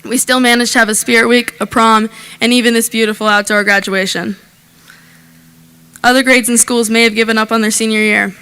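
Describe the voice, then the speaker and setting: A woman's voice: on the high side, fairly even intonation, fairly quick, sharp tone, clear, resonant tone. A young woman, senior class president, giving an upbeat and proud speech into a podium microphone at an outdoor graduation. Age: young adult. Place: outdoor graduation on a school field.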